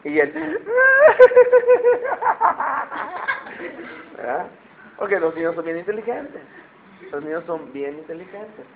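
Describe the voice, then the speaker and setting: High-voiced preacher on a tinny line. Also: male voice. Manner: conversational, asks the listeners questions. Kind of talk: sermon. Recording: tinny phone-like sound.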